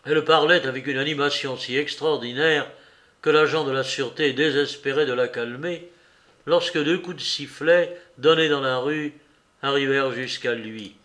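A man narrating a classic novel audiobook in a measured, dramatic storytelling manner. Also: medium pitch, bright, forceful tone.

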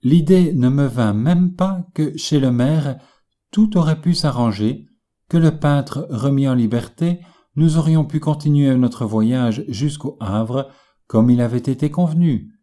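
A man narrating a novel in the first person, with measured, literary storytelling. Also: medium pitch, warm tone. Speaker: audiobook narrator.

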